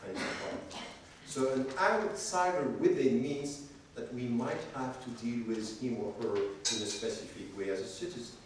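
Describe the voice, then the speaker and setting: A man's voice: medium pitch, normal speed, background noise. A man from Switzerland giving a workshop lecture in an emphatic way, often repeating words as he searches for the next one. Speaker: workshop speaker. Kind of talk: academic lecture. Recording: echoey hall, distant mic.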